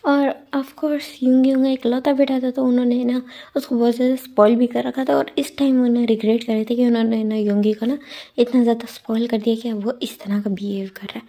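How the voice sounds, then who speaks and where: A woman's voice: fairly high pitch, little pitch movement, brisk, warm tone. A young woman casually retelling a fanfiction story, chatty with lots of fillers and English words thrown in.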